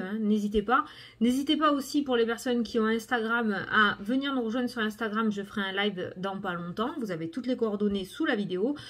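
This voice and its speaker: A middle-aged woman hosting a casual review video, chatting with lots of fillers while showing items to the camera. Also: a little high. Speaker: cartomancy video host. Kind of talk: casual product review chat.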